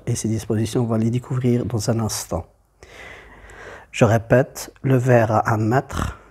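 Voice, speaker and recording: A man's voice: mid-range voice, dark tone, slightly rough. A man teaching a methodical poetry lesson, repeating his key points. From Morocco.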